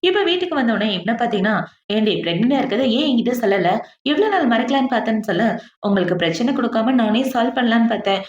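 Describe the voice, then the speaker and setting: A woman narrating a drama recap in a brisk, chatty way, acting out the quoted lines as she goes. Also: fairly high pitch, expressive, echoey room, highs cut off. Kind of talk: casual storytelling recap of a drama.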